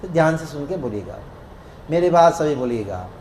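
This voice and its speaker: High-voiced man preaching in an echoey hall. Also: normal speed. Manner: lively, playful, leads call-and-response chanting. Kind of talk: devotional discourse to a congregation. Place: temple hall. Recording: echoey hall with faint noise.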